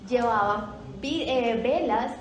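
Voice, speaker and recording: A woman gives a heartfelt testimony into a handheld microphone. Her voice sits a little high, and she talks haltingly, circling back over her own phrases. The sound carries the echo of a roomy hall over a faint hiss. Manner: halting, repeats phrases, many fillers. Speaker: testimony speaker at a Bible study group. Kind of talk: emotional personal testimony.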